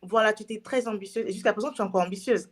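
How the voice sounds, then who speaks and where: A woman's voice: medium pitch, very fast. A woman hosting a casual interview, effusive and often exclaiming in amazement. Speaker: host.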